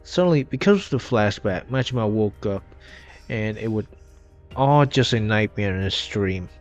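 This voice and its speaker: Here the narrator's fairly low voice is animated and moves at a normal speed through an informal, scripted look back at a story. Verb endings get dropped in his loose grammar. Behind him is music, captured on a dull, low-budget mic.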